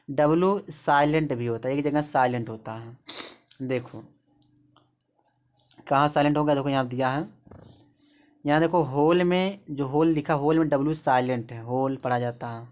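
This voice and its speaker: A man explaining English pronunciation rules, pointing at examples and repeating them. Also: medium pitch. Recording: dull lo-fi recording.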